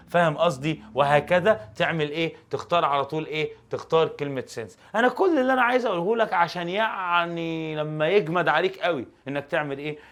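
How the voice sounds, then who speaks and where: High-voiced Egyptian Arabic teacher. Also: male voice. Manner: animated and joking, full of rhetorical questions. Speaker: English teacher. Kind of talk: exam review lesson.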